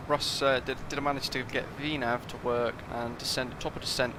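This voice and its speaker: A man's voice: medium pitch, little pitch movement, brisk, background noise. A man casually talking through a flight sim live stream, thinking aloud and chatting with his viewers.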